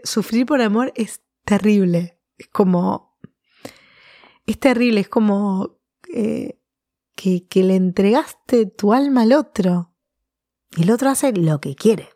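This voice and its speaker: A woman in her thirties with a Rioplatense Spanish accent, telling personal stories in a casual, animated way during an interview. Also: medium pitch, dry recording, clean studio sound. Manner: chatty, animated storytelling with laughs.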